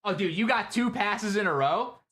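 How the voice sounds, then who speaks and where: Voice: mid-range voice, lively intonation, normal speed, fairly bright tone. Rambling streamer chatting to chat over gameplay, voice bounces up and down a lot, faint game music under it. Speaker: live streamer. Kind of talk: live gameplay commentary.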